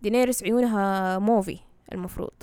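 A woman's voice: medium pitch, fairly even intonation, quick pace, mellow, clean tone, no room sound. A woman with a Hejazi Saudi accent, explaining things casually in Arabic sprinkled with English words and often checking that the listener follows. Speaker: knowledgeable guest explaining fantasy lore.

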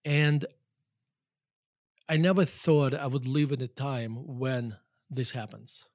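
A man in his forties with a Russian accent appears as a guest investor in a conversational interview, speaking loosely with many fillers and restarts. His mid-range voice is slow, a little mellow and fairly even in intonation, recorded at studio quality with no echo.

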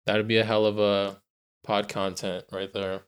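A man co-hosting a casual podcast, dropping dry, deadpan wisecracks. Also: fairly low pitch, unhurried, a crowd in the background. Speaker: podcast co-host.

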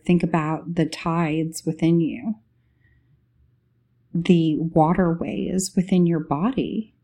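Her lowish, mellow voice leads a guided spiritual meditation, which she hosts. She speaks slowly in brief phrases, leaving long pauses between them.

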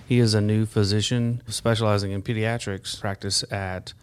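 A man hosting a health podcast, interviewing a guest in a friendly, upbeat way with quick affirmations. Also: lowish voice, flat delivery, smooth. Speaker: podcast host. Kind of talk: conversational interview.

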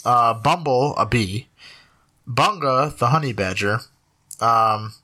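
A man's voice: mid-range voice, takes it slowly, sharp tone. A man co-hosting a casual podcast, rattling off a long list of names between laughs. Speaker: podcast co-host.

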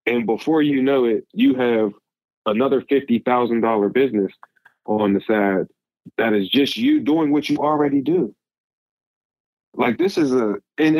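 A man's voice: medium pitch, a little mellow, no room sound, rough recording. Rambling, emphatic man in a dry recording. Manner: rambling, emphatic, advice-giving. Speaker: podcast guest. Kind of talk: casual podcast conversation.

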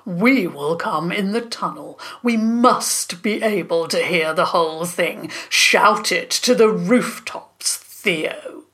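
A woman voicing a slow, menacing male Monster King with drawn-out, taunting speech and breathy whispered endings. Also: fairly low pitch, fairly bright tone. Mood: gloating.

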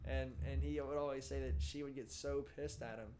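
A man's voice: medium pitch, steady tone, a little fast, darkish tone, a little hiss or hum. A young man telling rambling, self-deprecating stories on a casual podcast. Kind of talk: casual storytelling.

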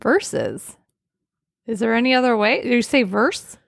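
Podcast co-host, woman, higher voice with a gravelly fry, laughing and teasing. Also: lively intonation, moderate pace, no room sound, studio quality. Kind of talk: casual chat.

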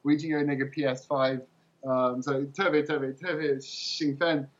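Foreign man speaking English-accented Mandarin, slightly husky. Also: medium pitch, little pitch movement, highs cut off. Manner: halting, searching for words. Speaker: interview guest, game translator. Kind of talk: casual interview chat.

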